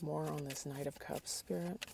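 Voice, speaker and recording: Over a noisy background, a tarot reader who is losing her voice talks at normal speed in a low-pitched, gravelly voice with fairly even intonation. She is hesitant, often starts over, and voices her questions to the cards.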